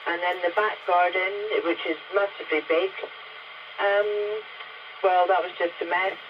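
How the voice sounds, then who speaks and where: This CB radio operator is a woman with a fairly low, fairly even voice who takes her time, chatting casually and colloquially. The link sounds dull and carries a lot of noise.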